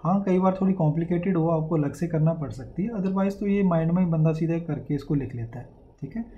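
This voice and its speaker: A man's voice: a little high, quick pace, phone-quality sound, slight background noise. A man giving a patient, step-by-step math lecture, often checking in with his students as he works through a problem. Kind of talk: classroom lecture, Hindi mixed with English.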